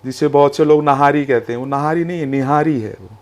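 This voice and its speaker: A man's voice: on the high side, fast talker, a little mellow. A man talking about his food business in an interview. He explains at length, telling the history behind each dish and dropping in English words as he goes. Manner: explanatory, storytelling, mixes English phrases into Hindi.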